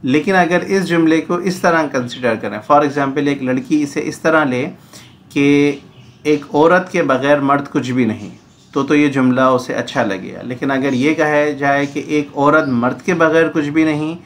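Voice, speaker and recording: A man's voice: fairly high pitch, a little slow, slight background noise. A man teaching a grammar lesson, explaining in Urdu mixed with English phrases.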